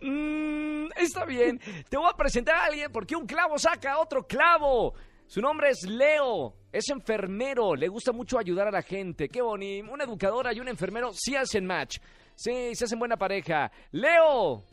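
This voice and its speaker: Man, radio host, high voice, teasing, faint music behind. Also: moderate pace, no echo. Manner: teasing, excitable, laughs often. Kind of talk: playful radio dating segment. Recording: radio show with music bed.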